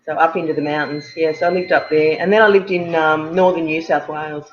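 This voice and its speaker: An Australian woman guest on a video call, talking in a halting way, with many fillers and repeated words. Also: deep voice, fairly even intonation, a little hiss or hum. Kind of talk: casual interview chat. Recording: muffled lo-fi video-call audio.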